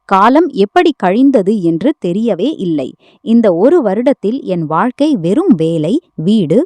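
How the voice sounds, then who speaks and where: Dark, lively-voiced woman narrating a story. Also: mid-range voice, no room sound. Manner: emotional first-person family story, evenly read.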